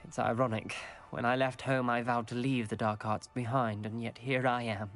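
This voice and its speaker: A man's voice: medium pitch, little pitch movement, moderate pace, fairly bright tone, lightly acted. An actor playing an earnest, cautious young male wizard student who can speak to snakes, in video game dialogue over game music.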